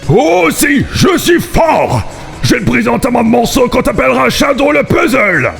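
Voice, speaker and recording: A man voicing a big, brash, dim-witted albatross henchman in an amateur cartoon fandub, blustering and easily confused, with a gravelly voice. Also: very high-pitched, big pitch swings, normal speed, a bit bright, raised voice, faint music behind, exaggerated voice. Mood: boastful, aggressive.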